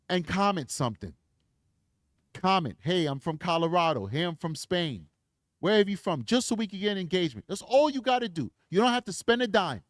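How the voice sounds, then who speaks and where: Livestream host, male, slightly high voice, emphatic and preachy, then chatty, dry close mic. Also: no echo. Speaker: true crime livestream host. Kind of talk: impassioned livestream outro. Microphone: desk microphone.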